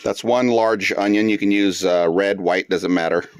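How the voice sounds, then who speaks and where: On a breezy front patio, a cooking channel host in his forties, originally from the Philippines, chats easily while stirring a sizzling wok. He speaks lowish and relaxed, sprinkling in Tagalog and many "uh"s. The dry recording comes from Bluetooth earbuds and a phone, noisy with wind and sizzle outdoors.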